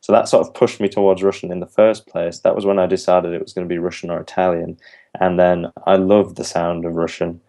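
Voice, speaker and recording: This is a university language student, a young man, being interviewed in a casual way. His voice is low and flat, and his earnest, thoughtful answers are full of ums and false starts.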